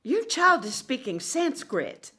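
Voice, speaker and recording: A woman playing a halting, evasive mother. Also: high voice, big pitch swings, sharp tone, exaggerated voice. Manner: hesitant, halting when pressed. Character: worried secretive mother of grown daughter. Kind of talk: audio drama acting.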